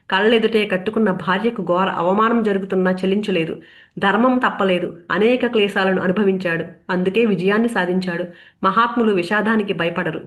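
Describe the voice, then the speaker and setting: A woman giving an earnest devotional talk on scripture, building her points through long rhetorical lists. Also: medium pitch. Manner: earnest, rhetorical, list-like delivery. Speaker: spiritual speaker.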